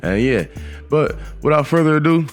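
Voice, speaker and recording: A man's voice: a little high, expressive, normal speed, soft background music. A young man casually walking through a basketball game build, laid-back and slangy, with a groggy morning voice. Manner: laid-back, slangy, repeats "you know". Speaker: gaming YouTuber.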